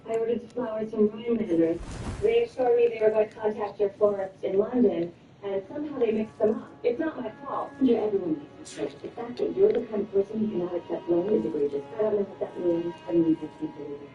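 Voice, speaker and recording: A woman's voice: medium pitch, quick pace, faint music behind, close to an everyday voice. A woman plays an indignant young employee telling off her boss. her voice comes from a distance in a roomy space, the audio dull and lo-fi. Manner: indignant, sharp.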